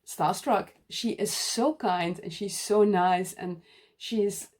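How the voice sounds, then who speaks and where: Slow-talking Dutch woman telling a story. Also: mid-range voice, fairly even intonation. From Netherlands. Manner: halting, with many restarts and soft laughs. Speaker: needlework vlogger. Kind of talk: casual storytelling vlog.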